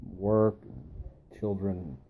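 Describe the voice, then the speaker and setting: A man talking in a musing, halting way with long pauses, as a video host giving a reflective philosophical monologue with a pipe in his mouth. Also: deep voice, fairly even intonation, gravelly, phone-quality sound, slight background noise.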